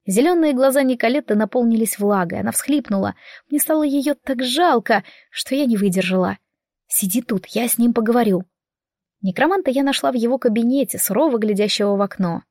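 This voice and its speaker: A woman reading a story aloud in first person, wry and lively. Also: a little high, a little fast, no echo, studio quality. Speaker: audiobook narrator.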